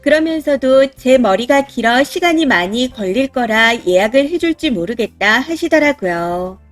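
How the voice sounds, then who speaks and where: A woman giving steady, first-person scripted narration of a reader's story. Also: sits high, moderate pace, soft background music.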